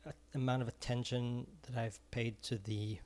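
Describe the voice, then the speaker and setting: This former music teacher turned ice cream vendor, a middle-aged Israeli man, speaks at normal speed in a slightly mellow mid-range voice with little pitch movement. In a casual interview he talks earnestly, often repeating words while hunting for phrasing.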